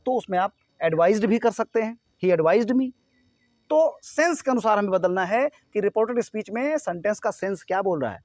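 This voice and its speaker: A man with a high voice teaches a grammar lesson to students. He explains step by step and keeps checking that they follow. The sound is close and dry, with almost no room. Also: a little mellow, no echo.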